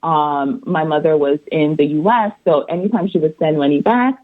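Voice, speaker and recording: A woman from Barbados, an accountant and author, calmly explaining her answers as a guest on a radio interview. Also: low voice, moderate pace. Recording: tinny phone line.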